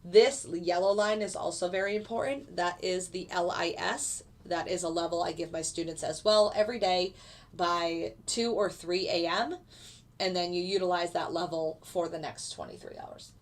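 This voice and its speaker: A lowish female voice with fairly even intonation moves at a moderate pace, thick and stuffy from a lingering cold. She's a futures day trader on a live stream, breaking down her trades casually and answering questions from viewers with frequent fillers.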